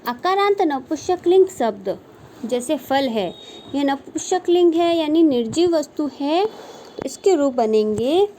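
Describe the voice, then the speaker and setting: A woman teacher giving a recorded lesson, slowly reciting word forms aloud. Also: high voice, lively intonation, dark tone, a little hiss or hum.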